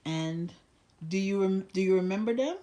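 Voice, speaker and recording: A grandchild interviewing their grandfather, gently prompting with short questions and frequent okays. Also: medium pitch, moderate pace, reverberant. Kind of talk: casual interview.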